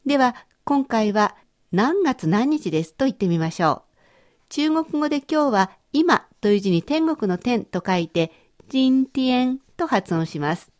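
Lively-voiced Japanese woman teaching a lesson. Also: on the high side, unhurried. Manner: clear, patient explaining. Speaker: language teacher. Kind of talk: radio language lesson.

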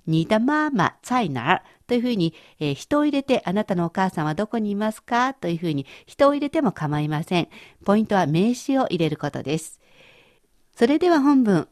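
A woman's voice: fairly low pitch, darkish tone, no room sound, clean studio sound. A woman teaching Chinese vocabulary in a radio lesson, explaining each word patiently and carefully.

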